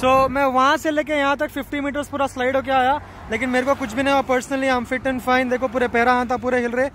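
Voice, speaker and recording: A young Indian man with a Hyderabadi accent, working as a motovlogger, narrates a casual vlog in a very high, flat voice that's fairly quick and fairly bright, using emphatic, repeated phrases. He's outdoors on a highway roadside and riding a motorbike, with roadside and road noise in the recording.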